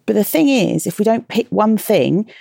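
A woman's voice: mid-range voice, animated, moderate pace, creaky, warm tone, breathy edge, no room sound, clean studio sound. A woman with a British accent hosting a children's podcast, talking in a playful, chatty way and asking her young listeners questions. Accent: British English. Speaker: children's podcast host and author. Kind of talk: casual talk to children.

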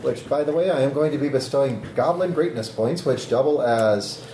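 A man's voice: mid-range voice, normal speed, dark tone. A man running a tabletop game as game master, casual and teasing with the players. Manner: joking, teasing. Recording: roomy echo, background noise with clicks.

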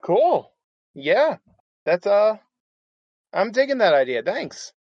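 Higher-pitched man, dry and dull recording. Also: big pitch swings, slow pace, darkish tone, no room sound. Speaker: tabletop game player. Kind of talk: casual in-character improvised play.

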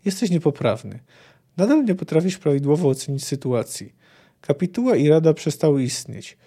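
A man reading aloud as a smooth male sorcerer villain, measured and persuasive. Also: fairly high pitch, very animated, warm tone, heavily acted.

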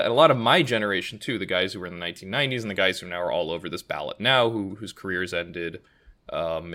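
A man's voice: low voice, a bit bright. A man co-hosting a casual podcast, talking in long, rambling thoughts with frequent self-corrections and wry asides. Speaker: podcast co-host. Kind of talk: casual chat.

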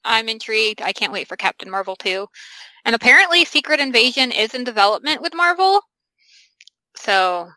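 Bright-voiced chatty woman in her thirties. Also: fairly high pitch, big pitch swings, moderate pace, no room sound, poor audio. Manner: chatty, rambling, tells stories with fillers. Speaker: podcast co-host. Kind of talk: casual chat about comic films.

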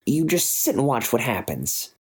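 A fussy, eager physicist with a raised, bright voice, as a man narrating puts him on. He explains in a rush and stumbles a little when he reassures. The pitch sits well above the narrator's low register. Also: wildly swooping pitch, normal speed, husky. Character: fussy, eager middle-aged male physicist.

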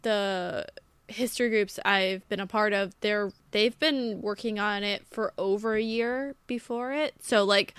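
Woman, bright voice, dry close sound, chatty podcast co-host. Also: mid-range voice, steady tone, measured pace, smooth, dry recording. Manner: chatty, lots of "like" fillers. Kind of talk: casual podcast chat.

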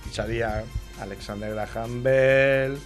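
A man's voice: mid-range voice, unhurried, soft background music. A man from Spain with a Spain Spanish accent, telling a funny story in casual banter and acting out the dialogue. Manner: animated storyteller, acts out dialogue.

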